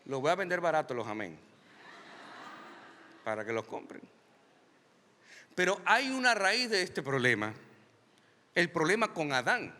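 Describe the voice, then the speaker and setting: A male pastor preaching a sermon, stressing key lines by slowing down and raising his voice. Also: a little high, sing-song, bright, forceful tone, long reverb tail. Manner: emphatic preaching, slows and rises on key lines.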